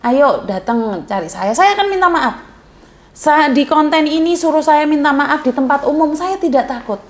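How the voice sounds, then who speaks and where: A woman's voice: high voice, moderate pace. A woman with a Javanese accent speaking defensively and pleadingly to her viewers, repeating herself as she explains. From Indonesia. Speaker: content creator addressing viewers. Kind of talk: emotional monologue to camera.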